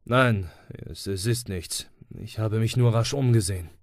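A man's voice: lowish voice, expressive, moderate pace, darkish tone, no echo, clean studio sound. A man voicing a tough, stubborn male adventurer who speaks firmly and reassuringly, in an audiobook reading.

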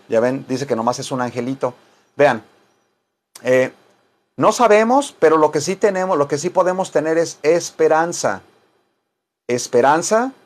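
A man teaching English at a church service, drawing out English words slowly and repeating them for the class, with chatty, joking asides. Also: a little high. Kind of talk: bilingual Bible-based English lesson.

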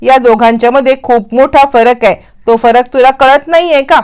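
A woman's voice: on the high side, steady tone, moderate pace, clean tone, lightly acted. A woman voicing a stubborn young husband who protests and complains in a domestic squabble. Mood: complaining.

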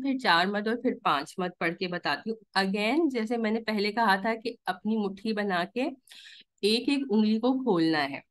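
Female online recitation teacher; unhurried, patient, keeps checking understanding over a call. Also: a little high. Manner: patient, explains step by step with frequent "theek hai" checks; stretches recited vowels to counted lengths. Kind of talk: live online class instruction.

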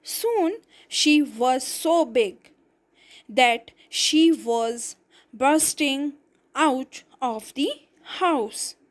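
A woman's voice: high-pitched, lively intonation, extremely slow. A woman teacher reading a story aloud to her class and explaining the meanings of words. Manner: clear, explaining word meanings.

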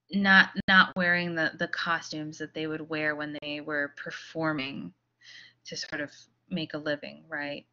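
A low-pitched woman delivers a recorded lecture in a halting, casual way, full of fillers and restarts. Her voice is low but bright and forward. The audio is a little dull.

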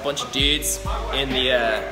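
A man's voice: medium pitch, steady tone, a little slow. A man in his twenties talking casually to camera as a travel vlogger. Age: 20s. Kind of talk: casual vlog chat to camera. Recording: loud music over the voice. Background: loud music.

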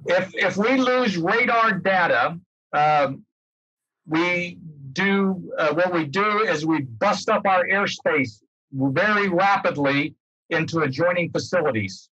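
Taking it slowly in a high, sharp voice with a breathy edge, an older American former air traffic controller explains things informally over video call and keeps rewording himself. He is a guest speaker indoors in a book-lined room at home. The sound from his computer mic is dull, roomy and lo-fi.

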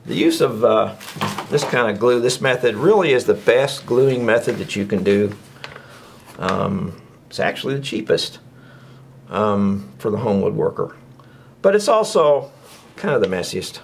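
This gravelly, lowish-voiced older man teaches woodworking hands-on at an indoor bench, sounding lively in intonation while keeping a measured pace with long pauses. His manner is chatty and folksy, full of rhetorical questions, and there's slight background noise.

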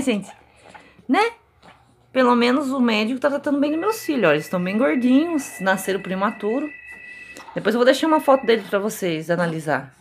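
A woman's voice: mid-range voice, husky. A woman with a Brazilian Portuguese accent, a mother of twins chatting casually in a home vlog and talking sweetly to her babies.

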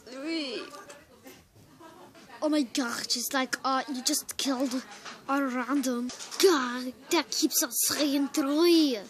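A woman's voice: high-pitched, fairly even intonation, takes it slowly, a little hiss or hum. A woman improvising voices for soldiers in a homemade game video, rambling and goofy with lots of "like" and "uh". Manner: rambling and goofy, heavy use of "like" and "uh". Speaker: amateur video maker voicing game soldiers. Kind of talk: improvised game machinima voice-over.

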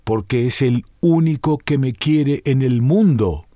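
A man voicing a small orphan boy who answers quietly and plainly. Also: medium pitch, unhurried, no room sound, studio quality, lightly acted. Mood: timid.

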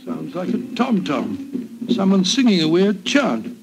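An actor playing a genial, pompous, bumbling English doctor with a British accent in a 1940s radio drama. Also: male voice, sits high, very animated, unhurried, gravelly, music in the background, full character voice. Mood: storytelling. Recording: noisy 1940s radio recording.

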